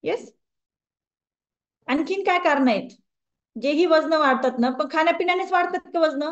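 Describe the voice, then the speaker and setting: A high-pitched woman teaches a wellness class and turns often to the group with questions. The recording sounds dull and lo-fi. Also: normal speed. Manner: conversational, asks the audience questions. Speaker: wellness coach. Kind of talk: lecture to a group.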